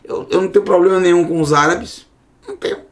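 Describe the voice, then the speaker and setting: A man's voice: sits high, quick pace. A man giving a casual online Hebrew lesson, repeating words to drill their sound. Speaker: Hebrew teacher.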